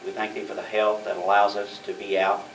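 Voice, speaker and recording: A man leading a formal public prayer in a measured, solemn, reverent manner. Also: lowish voice, completely flat delivery, far from the mic. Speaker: member leading the opening prayer. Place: meeting room. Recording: echoey room from afar, faint noise.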